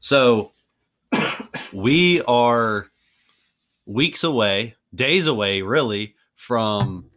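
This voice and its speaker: A man in his early twenties co-hosting a sports podcast, relaxed casual chat with frequent laughs. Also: medium pitch, extremely slow, pauses often. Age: 20s. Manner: relaxed, laughs often, trails off. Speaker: podcast co-host.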